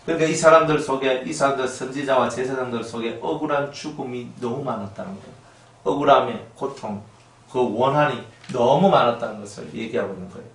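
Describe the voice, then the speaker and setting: A male pastor delivering a sermon in an animated way, acting out the voices of people and raising his voice for emphasis. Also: medium pitch, fast, echoey room, far from the mic.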